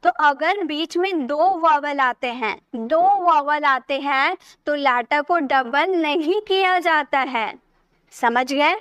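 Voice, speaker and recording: A woman's voice: high-pitched, slow pace, a bit bright, dry recording. A woman teaching an English grammar lesson, explaining each rule patiently step by step and checking often whether her students have understood.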